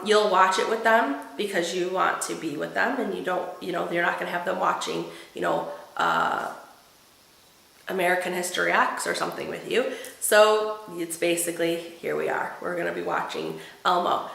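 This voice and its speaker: A woman's voice: medium pitch, vocal fry, fairly bright tone, echoey room, rough recording. A woman with a cold talking to camera about motherhood in a chatty, wry, self-mocking way. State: has a cold. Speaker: mom vlogger. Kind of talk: casual chat to camera.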